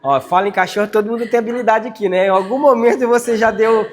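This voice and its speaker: A man leading a casual workplace training talk, animated and addressing his team directly with frequent tag questions. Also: sits high, fast talker. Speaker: team leader giving a workplace briefing.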